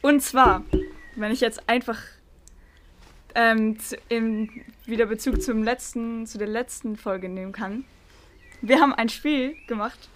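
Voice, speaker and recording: A woman's voice: on the high side, unhurried, background noise. A young woman chatting informally as a podcast co-host leading a quiz. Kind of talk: casual chat.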